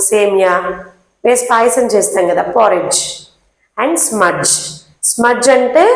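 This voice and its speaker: A woman teaching a pronunciation lesson who explains slowly and repeats each word several times. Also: a little high, reverberant, low-quality recording. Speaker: English teacher.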